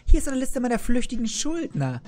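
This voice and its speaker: A man voicing a grinning, booming male devil who runs a casino, gloating and bullying as he reads a cartoon game's story aloud. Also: wildly swooping pitch, fairly quick, darkish tone, faint music behind, full character voice.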